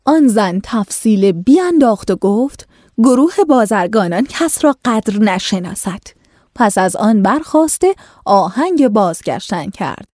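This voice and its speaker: A woman's voice: medium pitch, sing-song, warm tone, no room sound, clean studio sound. A woman reading a classic tale aloud in formal prose and stopping to explain it in chatty everyday speech. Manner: switches between formal reading and chatty commentary. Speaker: storyteller.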